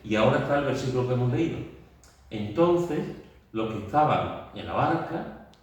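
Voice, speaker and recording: An expressive, medium-pitched male voice at normal speed leads a Bible study in a church meeting room, acting out scenes vividly with shouts and sound words and plenty of fillers and restarts. The mic is distant and the room very echoey.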